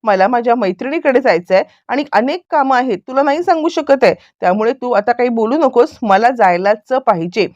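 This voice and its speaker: A woman's voice: on the high side, lively intonation, brisk, few pauses, darkish tone, dry recording, lo-fi sound, lightly acted. A woman reading the lines of an irritated, defensive young woman in a serial recap. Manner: irritated, argumentative.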